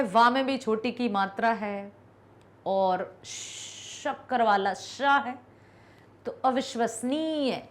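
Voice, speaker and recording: A woman teacher leads a children's online lesson, stretching each syllable so pupils can echo it. Her voice sits high and swings widely in pitch, and she speaks at an unhurried pace. She repeats words patiently and praises the class often. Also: a bit bright. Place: recorded for an online class video.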